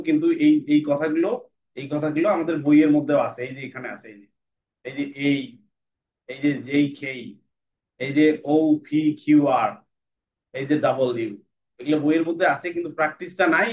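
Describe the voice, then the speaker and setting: Brief: male online teacher, slightly high voice, patient drill-style delivery, muffled distant call audio. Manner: patient, repeats letter drills slowly then quickly. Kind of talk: online class instruction. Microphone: video call.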